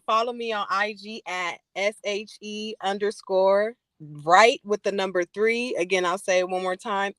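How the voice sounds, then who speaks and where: A woman's voice: mid-range voice, bright, forceful tone, no room sound. A woman guest on a podcast, chatty and playful, in a mid-range voice. The sound is dry and close. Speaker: writer and guest. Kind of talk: casual conversation.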